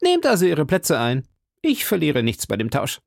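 A man reading an audiobook voices a boisterous, hearty nobleman with a big appetite, speaking jovially and raising his voice high. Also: huge pitch swings, normal speed, creaky, dry recording, studio quality, exaggerated voice. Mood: jovial boasting. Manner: booming, raised high, jovial.

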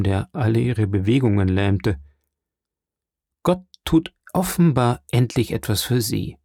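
A man voicing a dying old priest in an audiobook, slow, earnest and fatherly, weak and failing. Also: on the low side, gravelly, mellow, no room sound, clean studio sound, exaggerated voice. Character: dying old male priest, gentle and solemn. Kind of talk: audiobook character reading.

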